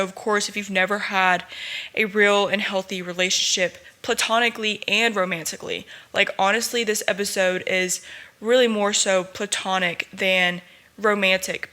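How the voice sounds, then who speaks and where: A woman's voice: medium pitch, bright, forceful tone. A young woman hosting a personal podcast, talking earnestly and emotionally, close to tears at times. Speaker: podcast host.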